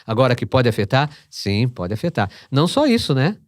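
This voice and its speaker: A man's voice: mid-range voice, sing-song, a little fast, no echo, clean studio sound. A Brazilian man, a guest on a podcast, explaining spiritual practice and often posing his own questions and answering them. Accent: Brazilian Portuguese. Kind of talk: conversational explanation.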